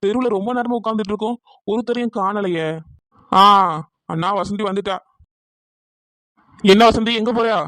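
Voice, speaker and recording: A woman's voice: mid-range voice, steady tone, normal speed, pauses often, dry recording, natural voice. A woman voicing a scheming housewife. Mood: fretting. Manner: loud, fussing, fakes panic to get her way. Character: scheming village housewife, dramatic and wheedling. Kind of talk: cartoon comedy dubbing.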